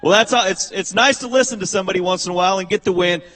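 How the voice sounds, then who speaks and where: High-voiced dude doing victory lane interviews, folksy, says i tell you what a lot. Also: male voice, racing, a bit bright, rough recording. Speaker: track-side interviewer.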